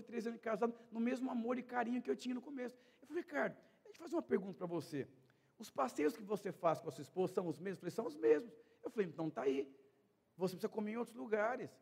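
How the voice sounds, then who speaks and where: High-voiced, gravelly pastor preaching. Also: male voice, a little mellow, big-room sound. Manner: conversational preaching with repeated phrases. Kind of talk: sermon.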